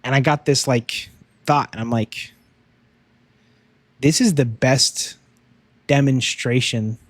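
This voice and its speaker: A man's voice: medium pitch, steady tone, slow pace, no room sound. Earnest young man sharing his faith. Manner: earnest, testimonial, with fillers like "um" and "like". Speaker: podcast co-host. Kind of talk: casual faith talk.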